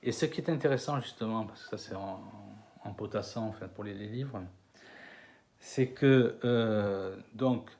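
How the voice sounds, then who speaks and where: A man from France giving a conference lecture, hesitant with many fillers and restarts, slowing down over names. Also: lowish voice, darkish tone. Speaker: conference speaker. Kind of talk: lecture to an audience. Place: conference hall.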